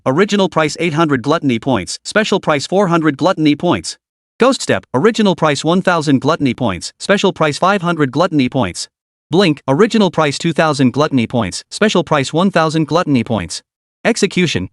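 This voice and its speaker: A man's voice: on the high side, brisk, no echo, studio quality. A man voicing a game-like system interface that announces rewards and lists prices in a storybook recap. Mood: announcing. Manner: flat announcing, listing prices.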